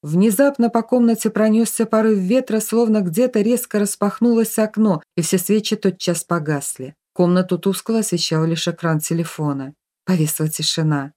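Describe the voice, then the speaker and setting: A woman narrates a novel in steady, scripted storytelling. Her voice is warm and mellow, with a medium pitch. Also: moderate pace. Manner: even storytelling. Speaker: audiobook narrator.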